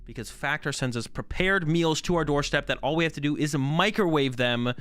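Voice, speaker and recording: A man's voice: on the high side, a little fast, a bit bright, clear, resonant tone, no echo. A young man chatting casually on a live stream, joking around in a slangy, self-mocking way as he rambles through a sponsor read. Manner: laid-back, joking, slangy with dude and bro. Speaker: card game streamer.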